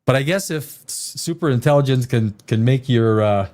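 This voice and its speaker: A man's voice: mid-range voice, moderate pace, a little mellow. A man in his fifties hosting a live stream, talking in a rambling, opinionated way with many restarts while reading viewer comments. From born in Czechoslovakia, raised elsewhere. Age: 50s. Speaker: live show host reading chat.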